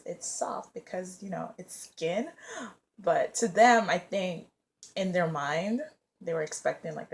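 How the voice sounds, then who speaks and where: A Nigerian-born woman in her twenties who was raised in the US, a vlogger and English teacher, chats casually in a lowish voice with vocal fry. She rambles with lots of fillers, and there's slight background noise.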